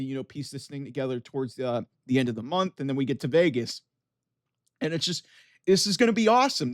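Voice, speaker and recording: A man with a fairly high-set voice delivers casual, opinionated commentary. He is emphatic and argumentative, speaking straight to his audience as a channel host would. The sound is dry, with no room echo. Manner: emphatic, argumentative, addressing viewers directly. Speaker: wrestling commentator with an online channel.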